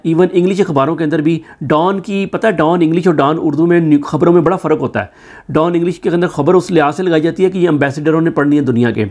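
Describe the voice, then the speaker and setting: A man with a Pakistani Urdu accent runs his own political news commentary. His voice sits fairly high. He talks with a sarcastic, mocking edge. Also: a little mellow.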